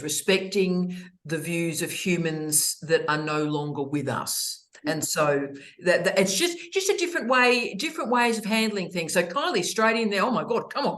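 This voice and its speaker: A woman's voice: lowish voice, a bit bright. A woman hosting an informal scholarly group discussion, speaking in an emphatic, effusive way to people by name. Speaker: academic host of a group discussion.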